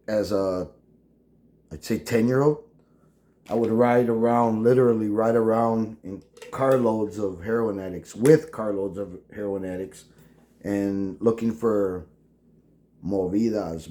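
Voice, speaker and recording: A man, speaking in a halting personal monologue full of restarts. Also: sits low, dark tone. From El Paso, Texas. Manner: halting, with many restarts and fillers. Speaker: veteran vlogger.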